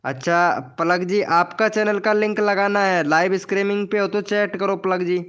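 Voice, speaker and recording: Smooth-voiced man teasing his live chat. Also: high voice, normal speed, a bit bright, highs cut off. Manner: teasing, jokey, calls viewers by name. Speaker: live-stream channel promoter. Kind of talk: casual live-stream chat.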